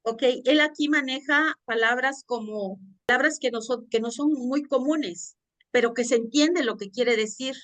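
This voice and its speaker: A woman's voice: high-pitched, a little slow, fairly bright tone, no room sound. A woman teaching a class, reading a passage aloud and asking her students questions.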